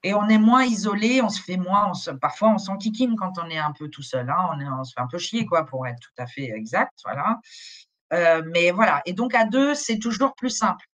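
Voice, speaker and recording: A middle-aged woman, a native German speaker, talks with a lowish, expressive, slightly bright voice at a moderate pace. She directs an agency and appears as a guest in a live interview, chatty and colloquial, with many fillers and restarts.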